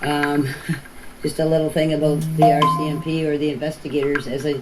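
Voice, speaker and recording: Loud music plays behind an older woman's low, flat voice as she talks a little fast in a noisy amateur phone voice message to a group chat. Her casual, plain-spoken talk rambles and often repeats itself.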